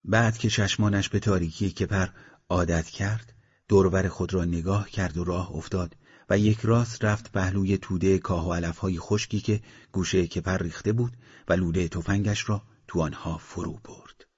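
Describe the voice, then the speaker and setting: A man reading a novel aloud as an audiobook narrator, in a measured storytelling manner. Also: deep voice, steady tone, darkish tone, breathy edge. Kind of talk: scripted narration. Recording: dull lo-fi recording.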